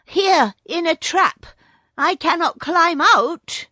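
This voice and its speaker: A woman's voice: a little high, drawn-out words, a bit bright, no echo, clean studio sound, pitched above the performer's own voice. A woman voicing Mowgli, an earnest young boy raised by wolves, speaking in an eager, raised voice. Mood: desperate.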